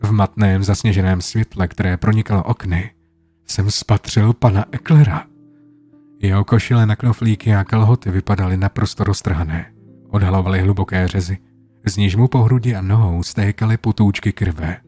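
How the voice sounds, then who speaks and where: A man narrating a horror story in a low, hushed storytelling manner, over soft guitar music. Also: fairly even intonation, husky. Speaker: creepypasta narrator.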